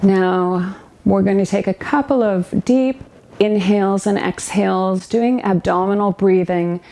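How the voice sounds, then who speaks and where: Gentle and soothing, a woman guides a yoga nidra meditation, leaving pauses after each phrase. Her voice is medium in pitch with fairly even intonation.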